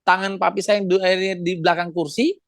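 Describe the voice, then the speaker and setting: A man's voice: high-pitched, fast, creaky, dry recording. A man giving a testimony as a guest, telling a family story with feeling, laughing often and turning to the host as he talks. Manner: lively, laughs often, keeps addressing the host. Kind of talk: emotional storytelling.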